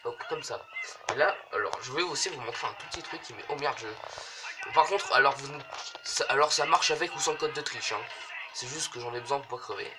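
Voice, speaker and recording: A man's voice: mid-range voice, fairly quick. Rambling young man over a noisy recording. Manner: rambling, hesitant, swears a lot. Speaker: gaming video host. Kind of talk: casual gameplay commentary.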